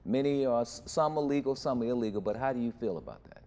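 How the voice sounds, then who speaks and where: A man's voice: mid-range voice, fast talker, mellow. A man co-hosting a local TV interview, asking probing and playful questions in a studio. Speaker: TV show co-host.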